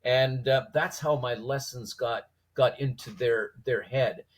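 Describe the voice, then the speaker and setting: A man with a slightly husky voice telling stories conversationally as a guest, informally acting out quoted dialogue and posing rhetorical questions. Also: medium pitch, unhurried. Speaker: podcast guest, former police trainer. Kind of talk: animated conversational storytelling.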